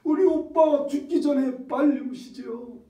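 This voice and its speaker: A man's voice: very high voice, measured pace, warm tone, voice pushed up. A man voicing a weeping young woman who wails reproachfully, in an echoey hall heard from far off. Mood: wailing. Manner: wailing reproach.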